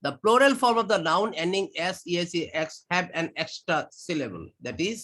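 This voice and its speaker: A woman with a Bangladeshi Bengali accent teaching an online English class for children. She drills words slowly and sets right and wrong pronunciations side by side. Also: lowish voice, big pitch swings, fairly bright tone, a little hiss or hum. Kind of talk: online kids' class, call-and-response drilling.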